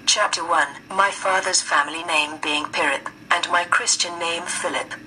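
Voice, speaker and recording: A synthetic British woman's text-to-speech voice reading a book aloud from a tablet with an even, mechanical delivery. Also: fairly low pitch, normal speed, a little hiss or hum, rough recording. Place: played from a tablet speaker.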